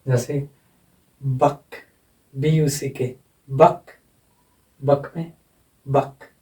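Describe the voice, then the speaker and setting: Man, phonetics teacher, dark mellow voice, repeats sounds, slightly distant mic. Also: medium pitch, steady tone. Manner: slow, repeats sounds and words while explaining. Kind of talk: phonetics lesson.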